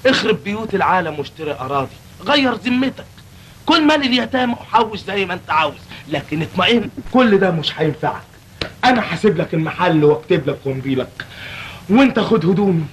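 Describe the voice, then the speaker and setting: A put-upon young clerk in a classic film comedy, talking in a high, quick Egyptian voice. He rattles off comic patter and then turns preachy, scolding everyone around him. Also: fairly bright tone, a little hiss or hum, rough recording. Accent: Egyptian Arabic.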